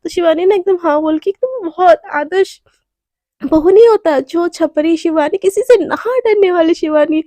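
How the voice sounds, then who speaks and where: A woman's voice: very high-pitched, normal speed, mellow, no room sound. A young woman telling a romance story in a casual, chatty way, lightly acting out each character.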